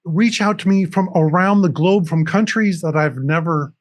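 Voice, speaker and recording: A man's voice: on the high side, moderate pace. A man speaking as a guest on an interview show, earnestly explaining things step by step with frequent restarts, over a video call. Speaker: recovery coach guest. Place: room with dragon decorations behind him.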